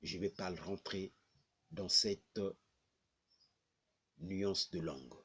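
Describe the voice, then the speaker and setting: A man's voice: sits low, slow, pushed and bright, slightly rough. A man from the Congo with a Congolese French accent, addressing viewers as a blogger and stressing his points by repeating them. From Republic of the Congo. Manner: emphatic, repeating phrases for stress.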